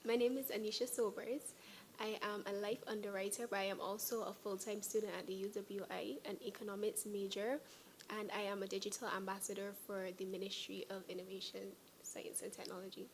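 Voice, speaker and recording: A woman's voice: mid-range voice, flat delivery, a little fast. A young woman with a Caribbean accent informally introducing herself. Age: young adult. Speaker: student volunteer introducing herself. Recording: noisy meeting room ambience.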